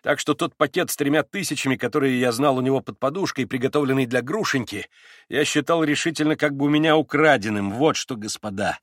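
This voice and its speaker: A man reading aloud and voicing an agitated young man under questioning who talks fast, nervously and effusively. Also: mid-range voice, no echo, studio quality, natural voice. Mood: heated.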